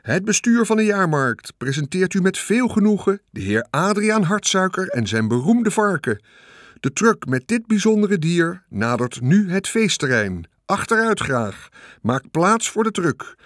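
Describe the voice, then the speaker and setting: A man voicing a pompous, grandiose male loudspeaker announcer at a country fair in an audiobook. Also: high-pitched, sing-song, a little slow, no echo, studio quality, voice pushed up, full character voice.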